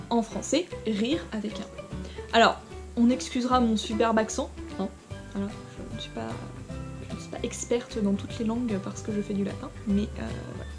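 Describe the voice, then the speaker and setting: A woman teaching a short lesson, talking directly to the viewer in an informal way with frequent hesitations. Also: on the high side. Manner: informal, addresses viewer directly, many fillers. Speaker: Latin teacher. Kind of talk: explanatory lesson video.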